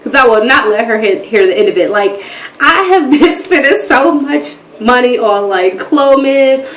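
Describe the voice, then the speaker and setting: A woman in her thirties chatting in a rambling, animated way for her video diary. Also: fairly high pitch, normal speed, recorded from a distance. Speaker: vlogger. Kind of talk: casual chat. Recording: echoey room, voice from off mic, faint background noise.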